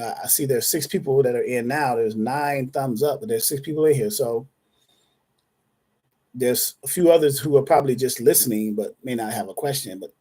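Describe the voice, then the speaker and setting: A man's voice: mid-range voice, warm tone, slightly rough. A man hosting a live online question-and-answer session as a dispatcher trainer, talking casually, addressing viewers by name and thinking aloud with frequent restarts.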